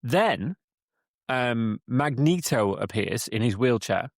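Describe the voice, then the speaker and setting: A man's voice: medium pitch, lively intonation, slow pace, creaky, no echo, clean studio sound. A man co-hosting a casual podcast from a cabin in the woods, retelling a film plot with many restarts. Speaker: podcast co-host. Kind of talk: casual chat.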